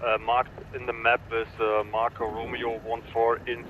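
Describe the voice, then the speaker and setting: A man speaking clipped military radio procedure over a walkie-talkie as a tank commander player, calm with many "uh" pauses. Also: mid-range voice. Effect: over a walkie-talkie style radio. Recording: tinny radio line with faint hiss.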